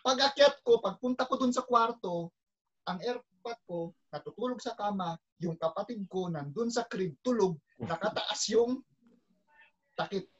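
High husky man, excitable. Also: unhurried, lo-fi sound. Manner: excitable, breaks into shouts at climaxes. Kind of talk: casual storytelling chat.

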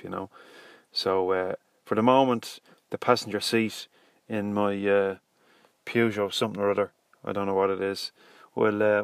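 A man's voice: fairly low pitch, creaky, dry recording. An Irish man hosting a solo podcast in a casual, rambling, hesitant way, recorded inside a car. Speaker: podcast host. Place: inside a parked car, in the passenger seat.

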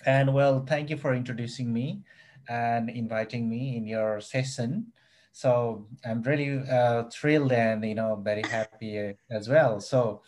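A man from Nepal in his thirties, a doctoral student guesting on a podcast over a video call, talking haltingly with many fillers while he searches for words. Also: medium pitch, darkish tone. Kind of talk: casual podcast interview.

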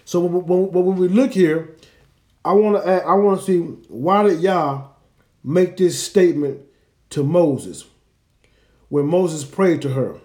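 A man's voice: fairly high pitch, slow pace, long pauses, a little mellow. A man giving an earnest, explanatory Bible teaching, using Hebrew names. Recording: echoey room.

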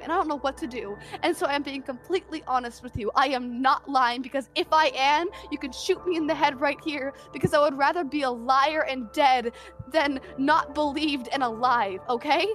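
A woman's voice: high voice, moderate pace, a bit bright, soft background music. A woman playing a scared, desperate teenage girl who pleads raw and swears. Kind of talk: tabletop role-play.

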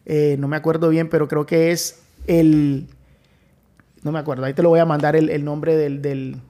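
A man's voice: a little high, level tone, moderate pace, dark tone. A man, a pastor telling his testimony in earnest, casual conversation with many restarts. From Nicaragua. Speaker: pastor, podcast guest.

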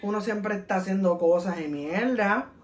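Una mujer con acento puertorriqueño que conduce la charla en tono bromista y malhablado. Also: female voice, mid-range voice, normal speed, a crowd in the background. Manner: joking, swears freely. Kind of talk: casual family chat. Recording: roomy room echo.

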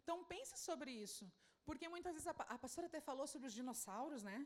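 Quick, high-voiced woman preaching. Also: animated. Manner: earnest, coaxing, acts out quoted lines. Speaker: minister speaking to church leaders. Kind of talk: sermon.

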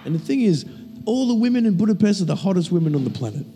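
A man hosting a casual chat, animated and crude, firing off quick questions and jokes. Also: high-pitched, in a large hall, noisy background. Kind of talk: casual banter.

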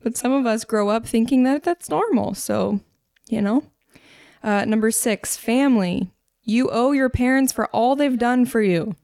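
A woman co-hosting a casual faith-based discussion, talking conversationally with fillers and quick asides. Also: on the high side, creaky, a little mellow, no room sound, clean studio sound. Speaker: podcast co-host.

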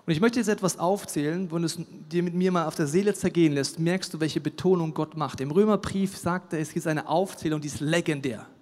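A man's voice: fairly high pitch, brisk, hardly any pauses. Emphatic preacher man in a reverberant hall. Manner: emphatic, swings from loud declaiming to hushed intimacy. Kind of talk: sermon.

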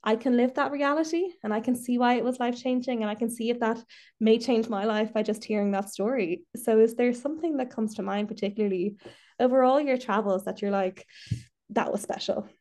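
A woman's voice: on the high side, fairly quick, warm tone. A woman hosting a podcast, a trainee therapist, talking in a reflective, rambling way with many restarts. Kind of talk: casual podcast chat. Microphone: video call.

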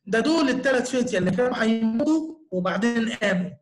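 Egyptian male church teacher, high voice, quick, earnest Q&A explainer. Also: lively intonation. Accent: Egyptian Arabic. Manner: earnest, explanatory, full of rhetorical questions. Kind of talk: answering audience questions in a talk.

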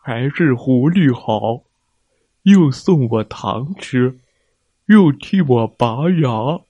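A man's voice: medium pitch, expressive, drawn-out words, dark tone, breathy edge, dry recording, muffled recording, heavily acted. A man voicing a greedy, gullible big male tiger in a children's story, whiny and naive. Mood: grateful.

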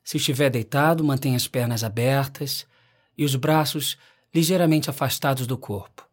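A man leads a scripted guided meditation as an instructor. His voice is mid-pitched, with a soft husky breathiness. He gives each instruction calmly and leaves long, unhurried pauses between phrases.

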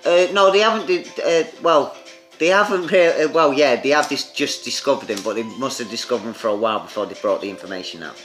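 A man co-hosting a casual podcast chat, blunt and sweary, pausing often on fillers. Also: medium pitch, a bit bright, soft background music. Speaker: podcast co-host.

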